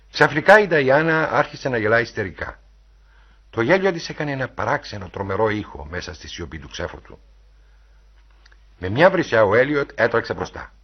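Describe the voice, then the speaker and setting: A man reads a novel aloud with expressive storytelling. His husky voice moves widely in pitch, and the recording sounds dull and lo-fi. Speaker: audiobook reader. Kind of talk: dramatic reading of a novel.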